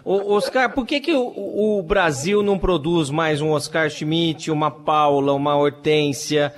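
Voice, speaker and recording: Man asking quick radio interview questions. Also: fairly high pitch.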